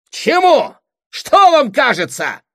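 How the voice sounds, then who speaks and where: A man voicing a proud, angry middle-aged brother who shouts indignantly in an audiobook reading. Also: extremely high pitch, huge pitch swings, slow, no echo, clean studio sound, voice pushed up, heavily acted. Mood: shouting.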